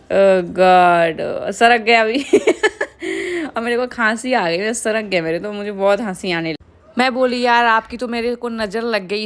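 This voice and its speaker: Young woman vlogger from India, casual voice-over, chatty, laughs often. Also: medium pitch.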